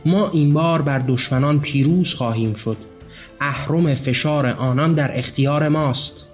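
A man's voice: on the high side, soft background music, natural voice. A man voicing a pompous, commanding self-styled male leader of a madhouse in a read-aloud story. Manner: commanding, stately.

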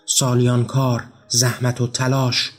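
A man reads a literary story aloud in a measured, somber voice of ordinary pitch. Soft music plays faintly under his narration. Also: monotone.

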